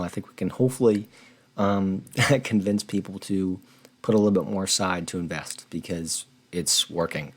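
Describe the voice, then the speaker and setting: A man hosting a personal finance channel, explaining figures from a spreadsheet in an earnest, conversational way. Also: low voice. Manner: earnest, conversational, repeats words when rephrasing. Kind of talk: casual explainer walking through a spreadsheet.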